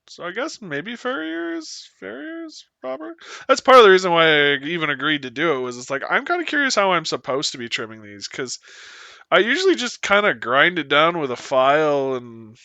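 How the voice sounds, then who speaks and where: A man's voice: a little high, bright, forceful tone, smooth, no echo, highs cut off. A young man chatting casually with his viewers at the end of a live stream, sleepy and rambling in a self-deprecating way. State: sleepy, yawning. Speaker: Twitch streamer.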